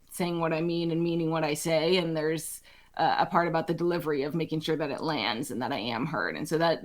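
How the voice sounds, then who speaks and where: A woman from Alaska who is an architect and CEO of her firm appears as a guest in a relaxed, casual interview. She's thoughtful, with frequent restarts and fillers, laughs lightly, and speaks with conviction in a lowered register.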